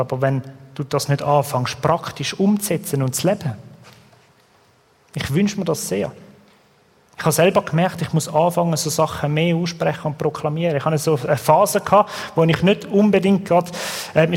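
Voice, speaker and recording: A man preaching an earnest, exhorting sermon that rises and falls in loudness. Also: fairly high pitch, slightly rough. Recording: long hall reverb.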